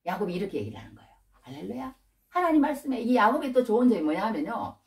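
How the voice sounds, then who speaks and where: A woman preacher delivers a sermon in a lively, dramatic way, her low voice rising and falling sharply as she acts out scolding dialogue. She sounds set back from the microphone. The hall around her is roomy and echoey. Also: racing, distant mic. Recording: echoey room, voice from off the mic.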